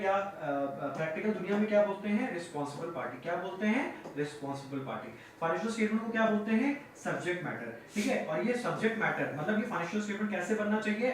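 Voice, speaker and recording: A man's voice: high-pitched, a little hiss or hum. A male audit teacher lecturing, asking questions and answering them himself, repeating key terms. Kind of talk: classroom lecture. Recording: very echoey room, mic at a distance.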